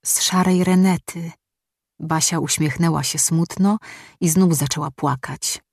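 A woman narrating a novel as an audiobook in a calm, even reading voice. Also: low voice, measured pace, vocal fry, husky, dry recording, studio quality. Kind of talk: scripted narration.

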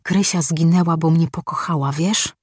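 A woman's voice: sits low, fairly even intonation, moderate pace, darkish tone, slightly rough, dry recording, clean studio sound. A woman voicing a confused, frightened old man haunted by wartime memories, speaking in fearful, half-whispered mutters.

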